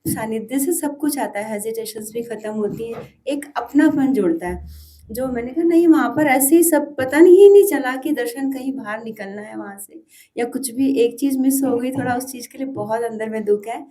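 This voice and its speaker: A woman devotee with a warm, rather high voice and lively intonation gives heartfelt testimony at a devotional gathering, speaking at normal speed. She shares her experience earnestly, frequently restarting as she searches for the right words.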